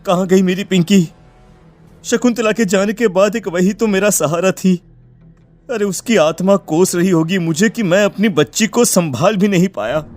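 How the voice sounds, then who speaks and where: A man's voice: high voice, normal speed, darkish tone, faint music behind, close to an everyday voice. An actor playing a worried, plaintive village father in a children's story. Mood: grieving. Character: worried village father searching for his lost daughter.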